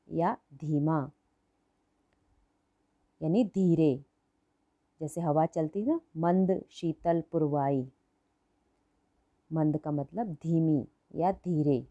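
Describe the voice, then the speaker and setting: Woman, schoolteacher, slow patient lesson, mellow low voice, repeats words, quizzes children. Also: lo-fi sound. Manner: patient, repeats words and asks the class questions. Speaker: primary school Hindi teacher.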